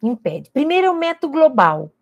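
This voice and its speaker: Emphatic Brazilian woman teaching, slightly high voice. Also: sing-song, brisk, no echo. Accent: Brazilian Portuguese. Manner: emphatic, asks rhetorical questions and answers them. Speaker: educator. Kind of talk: explanatory teaching talk to parents and teachers.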